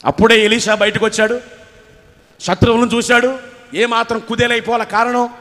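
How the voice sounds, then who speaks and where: Recorded in a reverberant church hall, a male pastor with a very high, slightly bright voice preaches at a moderate pace with a flat delivery. He fires off rhetorical questions with rising intensity and has the congregation repeat phrases after him in call-and-response style.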